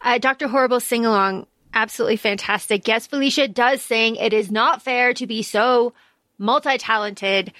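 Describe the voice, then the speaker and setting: A woman's voice: fairly high pitch, moderate pace, fairly bright tone, no echo, studio quality. A woman hosting a casual book and fandom podcast, speaking in an emphatic, playful way. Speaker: podcast host.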